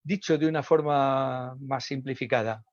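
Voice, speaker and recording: A man lectures to fellow professionals over a video call, explaining each point patiently and dwelling on every example word. His voice sits at a middle pitch. The sound is muffled and dry, with no room echo. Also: a little mellow. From Spain. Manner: didactic, slowly sounding out example words. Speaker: speech therapist lecturing. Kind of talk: online lecture.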